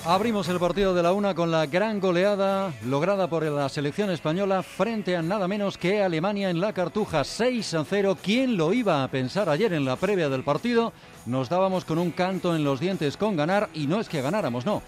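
A male radio sports host with a fairly high voice. He presents emphatically, building points through repetition, with faint music behind him. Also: moderate pace. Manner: emphatic, repeating phrases for effect. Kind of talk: animated sports talk presenting.

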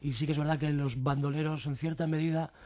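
A man from Spain with a husky, late-night voice, talking in a hesitant, wry way as a guest in a casual radio interview. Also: a little high, level tone, fast talker, a little mellow. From Bilbao, Spain. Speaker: novelist, studio guest.

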